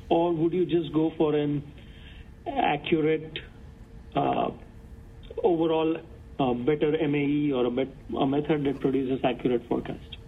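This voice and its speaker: A man from the audience asking a question hesitantly, with many fillers. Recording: tinny phone-like sound, faint rumble.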